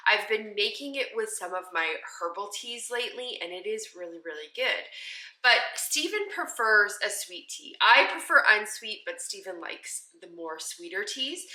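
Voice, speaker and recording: A friendly, chatty woman walks through her kitchen projects step by step. Her voice is very bright and a little sharp. She sounds like she is in a hard-surfaced home kitchen with a noticeable echo. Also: mid-range voice. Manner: chatty and friendly, laughs lightly, explains plans step by step. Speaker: homesteading cooking vlogger. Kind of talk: casual kitchen vlog narration.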